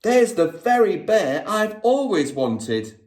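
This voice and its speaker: A man's voice: high voice, very animated, takes it slowly, a little mellow, roomy sound, pitched above the performer's own voice, exaggerated voice. A man voicing an eager, longing little girl in a children's storybook. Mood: excited.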